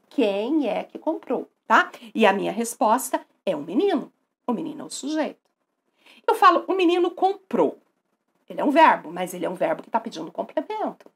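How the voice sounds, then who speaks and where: A woman with a Brazilian Portuguese accent teaching a recorded grammar lesson, lively and affectionate, often asking her students questions. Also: medium pitch, slightly rough.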